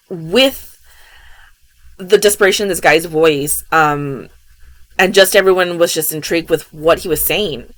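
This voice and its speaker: A woman's voice: low voice, no echo. A woman podcast host retelling a strange case in a loose, casual way, full of "you know" and "um". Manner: rambling, filled with "you know" and "um". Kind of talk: casual true-story retelling.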